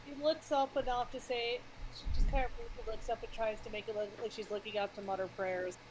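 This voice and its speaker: A woman playing in a tabletop role-playing game, chiming in with quick, wry remarks. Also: fairly high pitch, steady tone, noisy background. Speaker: player. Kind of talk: casual tabletop role-play.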